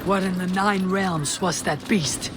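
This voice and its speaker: A woman voicing a Viking warrior who asks measured, questioning things in a video game cutscene. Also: on the low side, fairly even intonation, natural voice. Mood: wary. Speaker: Viking protagonist. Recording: game audio under clear ambient noise.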